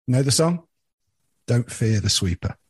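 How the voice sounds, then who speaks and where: A man's voice: medium pitch, animated, unhurried, slightly rough, no room sound. A man co-hosting a casual podcast, reading out song lyrics for a quiz in a jokey way. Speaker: podcast co-host running a quiz. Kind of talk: casual chat.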